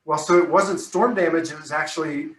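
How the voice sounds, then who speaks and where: A man's voice: on the high side, a little fast, fairly bright tone, recorded from a distance. Chatty man heard from across a roomy space. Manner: chatty, tags statements with "right?". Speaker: roofing contractor hosting the talk. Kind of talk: casual conversational discussion. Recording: roomy sound from off the mic.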